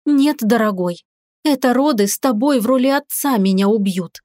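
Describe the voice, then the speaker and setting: A woman voicing a defiant, sharp-tongued young wife who argues with sarcasm and passion. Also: on the high side, moderate pace, no room sound, clean studio sound, natural voice. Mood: indignant. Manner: indignant, sarcastic, impassioned.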